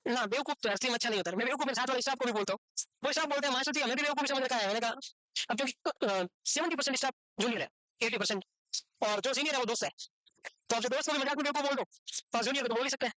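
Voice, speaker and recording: A man teaching a medical course, lecturing in a chatty, joking way and quizzing students with quick questions he answers himself. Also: extremely high pitch, pushed and bright, no echo, rough recording. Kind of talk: lecture to a class, mixed with casual chat. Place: classroom with students present and online.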